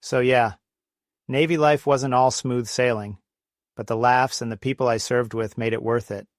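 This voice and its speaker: Even-toned man telling corny dad jokes. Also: mid-range voice, moderate pace, dry recording, studio quality. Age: middle-aged. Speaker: comedy storyteller and host. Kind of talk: scripted monologue of navy stories and dad jokes.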